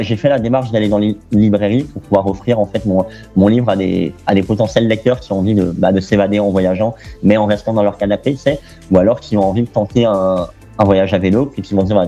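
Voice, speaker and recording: A young Frenchman with a voice on the low side chats casually as an interview guest. He's relaxed and talkative, full of fillers and restarts.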